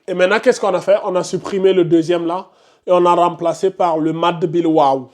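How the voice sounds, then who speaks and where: Man, recitation teacher, high voice, insistent, repetitive explanations, scolding tone. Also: steady tone, brisk, darkish tone. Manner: insistent, repeats explanations step by step, scolds students. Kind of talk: classroom teaching. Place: classroom with a board.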